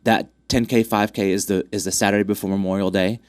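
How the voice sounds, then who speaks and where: Fast and upbeat, a man from a track club talks up upcoming races in a casual interview, using lots of fillers. His voice is congested, on the low side, steady, and a little mellow, with no echo.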